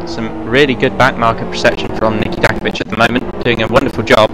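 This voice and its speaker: A man giving fast, running play-by-play commentary on a sim race, now and then correcting himself. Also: medium pitch, level tone. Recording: race car engine noise behind voice. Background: racing car engines.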